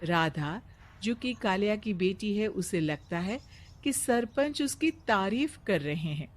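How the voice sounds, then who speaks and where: Calm woman narrating a children's story. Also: medium pitch, slow pace.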